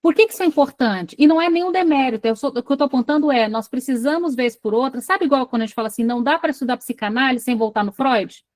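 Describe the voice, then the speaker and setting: A Brazilian woman with a high-pitched, darkish voice reads a case aloud quickly, barely pausing, for her online psychoanalysis study group. Her accent is Brazilian Portuguese, she breaks off to quiz the class, and there's no echo.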